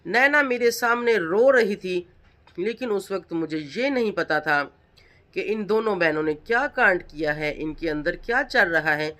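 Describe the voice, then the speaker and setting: A middle-aged woman talks straight to her viewers in a reaction vlog. Her voice is bright and sharp-edged. She presses her points hard and fires off pointed questions. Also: on the low side, expressive, measured pace. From Pakistan. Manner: emphatic, accusing, rhetorical questions. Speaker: vlogger.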